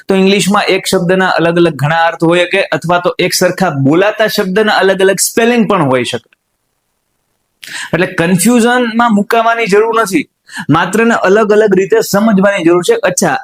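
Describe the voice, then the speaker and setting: A young man teaching an English spelling lesson, repeating words and checking that students understand. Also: sits high. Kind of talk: classroom lesson.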